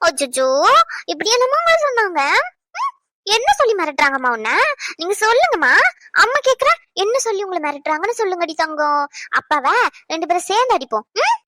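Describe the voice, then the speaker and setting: A woman's voice: bright, forceful tone, a little hiss or hum, heavily acted. A woman voicing a young wife in a cartoon comedy, scolding her husband shrilly and cooing over her baby. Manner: indignant, shrill scolding; coos baby talk.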